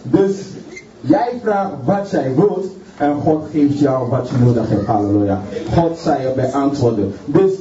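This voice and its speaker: Heard from afar in a dull, roomy recording, a preacher with a mellow, mid-range voice and lively intonation speaks with fervor. He halts often, repeats many words, and breaks in with hallelujah.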